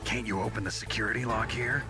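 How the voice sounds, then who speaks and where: An actor playing a gruff, wary soldier hero in a video game, with a gravelly voice. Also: male voice, medium pitch, fairly even intonation, fast, over loud music, lightly acted. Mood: wary, shocked.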